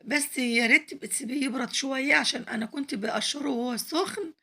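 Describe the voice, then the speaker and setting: A woman with an Egyptian Arabic accent, hoarse from losing her voice, chatting to viewers as she cooks on her home cooking vlog. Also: sits high, fast, pushed and bright. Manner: chatty, addresses viewers directly, pleads for likes. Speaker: cooking channel host.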